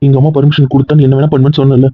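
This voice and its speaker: Stubborn husband in a comedy skit, quick and raised; dry lo-fi sound. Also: male voice, mid-range voice, level tone, no room sound. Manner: insistent, stubborn, often raising his voice. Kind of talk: comic couple skit. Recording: dull lo-fi audio.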